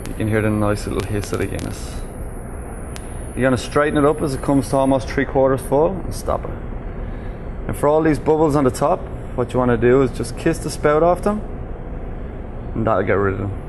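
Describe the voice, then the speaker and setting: A man with a Dublin Irish accent giving an informal, unhurried bartending tutorial with pride in his craft. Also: mid-range voice. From Ireland. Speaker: bartender demonstrating a pour. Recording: clear ambient hum and background noise.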